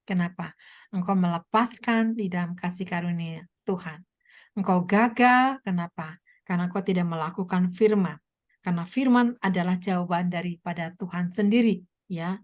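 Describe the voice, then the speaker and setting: A woman evangelist preaching a sermon with a hoarse voice, telling stories and asking the listeners many rhetorical questions. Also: fairly low pitch, moderate pace. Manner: animated storytelling, frequent rhetorical questions. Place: online meeting.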